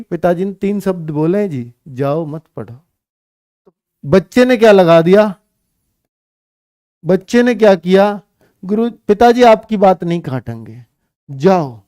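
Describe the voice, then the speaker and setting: Man teaching a grammar class, slow and patient, keeps repeating stuff, highish clear voice. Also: dark tone, dry recording, clean studio sound. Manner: patient, repeats phrases slowly for emphasis; addresses students as children.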